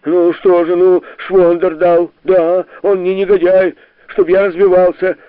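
A man gives voice to a crude, insolent young lout who squeals his complaints. The voice sits high and shrill. It comes over a narrow, dry, radio-like line. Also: level tone, takes it slowly, dry recording. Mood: indignant. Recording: narrow tinny radio-like sound.

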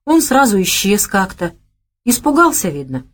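A woman voicing an elderly grandmother who is frightened and tearful, pleading with her lines pitched up. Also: very animated, moderate pace. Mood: bewildered.

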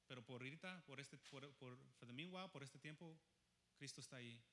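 Bright-voiced young male preacher, fervent. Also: medium pitch, a little fast, big-room sound. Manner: switches between Spanish and English, swings from soft pleading to loud fervent calls. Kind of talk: sermon.

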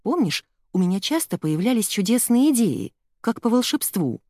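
A woman reading an audiobook, voicing a kind old grandmother who speaks calmly and gently. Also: fairly high pitch, moderate pace, no room sound, clean studio sound, pitched above the performer's own voice. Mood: gentle.

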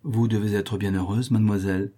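A man voicing a flattering young suitor in an audiobook, smooth and insinuating. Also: on the low side, brisk, close to an everyday voice.

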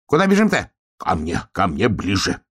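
A man voicing a small, brave hedgehog in a storybook reading, shouting and stammering when scared. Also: fairly low pitch, big pitch swings, normal speed, husky, full character voice. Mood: urgent shouting.

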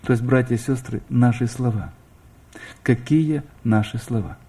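This is a sermon from a middle-aged man who speaks right to the congregation, asking questions and letting his emphasis rise. His mid-range voice is warm with a breathy edge, at a normal speed.

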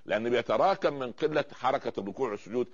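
A man's voice: mid-range voice, dull audio. A man with an Egyptian accent giving a religious lecture, asking rhetorical questions and stretching out hesitations. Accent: Egyptian Arabic. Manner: rhetorical questions, fills gaps with drawn-out pauses. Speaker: preacher.

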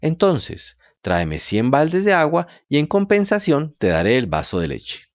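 A man's voice: on the high side, wildly swooping pitch, unhurried, no echo, muffled recording. A man voicing a stern farmer who bargains bluntly, in a storybook reading. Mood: bargaining. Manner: blunt and businesslike.

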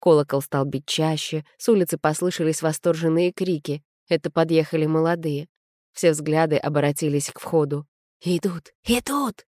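A woman narrating an audiobook in an even storytelling manner. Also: low voice, moderate pace, no room sound, studio quality.

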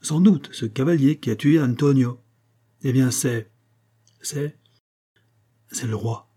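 In this audiobook, an old woman leans in to share a secret, her voice dark and husky, as a male reader gives her lines. She talks eagerly and confidingly, a poor townswoman with a story to tell. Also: medium pitch, slow pace. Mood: earnest.

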